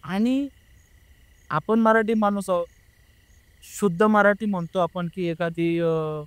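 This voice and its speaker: High-voiced man telling a tense story. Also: slow, clean tone, dry recording. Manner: earnest, emotional, re-enacts family members' words. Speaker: guest telling a personal story. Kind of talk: casual interview storytelling.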